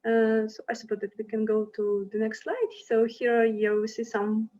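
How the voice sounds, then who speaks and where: A woman's voice: fairly high pitch, normal speed, mellow. A young woman from Ukraine presenting a university to applicants, friendly and hesitant with many fillers. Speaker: university representative. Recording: dull lo-fi sound.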